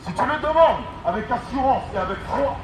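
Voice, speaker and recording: This street evangelist's voice is very high-pitched and expressive, running a little fast through the megaphone. Standing outdoors in the city, he exhorts passersby with emphatic preaching, returning to the same phrases over and over amid heavy street noise.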